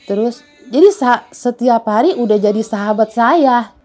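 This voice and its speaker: A woman's voice: a little high, normal speed, darkish tone, soft background music. A middle-aged woman giving a spoken testimony in a casual interview, talking in an earnest, rambling way with many fillers and restarts.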